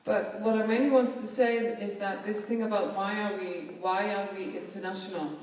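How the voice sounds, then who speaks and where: A woman's voice: mid-range voice, fairly even intonation, moderate pace, a little mellow, dull audio. A woman from Iceland, speaking earnestly as a panelist and often repeating words while she thinks. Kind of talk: panel discussion remarks. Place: conference hall. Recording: echoey hall, distant mic.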